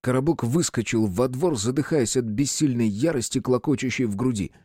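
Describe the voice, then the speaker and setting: A man narrating an audiobook with an expressive, dramatic reading. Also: medium pitch, fairly quick, breathy edge, dry recording, studio quality.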